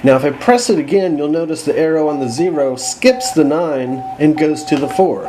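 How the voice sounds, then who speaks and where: Over a noisy background, a man with a fairly high voice demonstrates radio equipment at a normal pace. The walkthrough is casual and unscripted, and he muses aloud, hesitant and self-deprecating.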